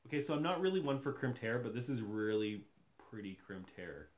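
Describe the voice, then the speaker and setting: A man's voice: mid-range voice, animated, a little fast. A man in his thirties chatting casually while unboxing a doll in his living room, enthusiastic and thinking aloud as he goes. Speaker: doll collector vlogger. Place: living room, seated on a sofa.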